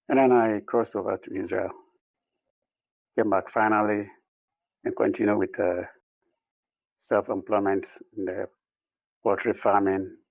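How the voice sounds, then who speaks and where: Gravelly-voiced man telling his story. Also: on the low side, no room sound, lo-fi sound. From Ghana. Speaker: podcast guest. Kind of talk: conversational self-introduction.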